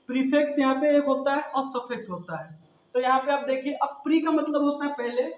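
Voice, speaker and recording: A man with a Hindi accent leads a grammar lesson in a very high voice, stopping over and over to ask his class questions. The room throws his voice back, and the sound is dull and lo-fi. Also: echoey room. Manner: explains step by step with repeated rhetorical questions. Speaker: English grammar teacher.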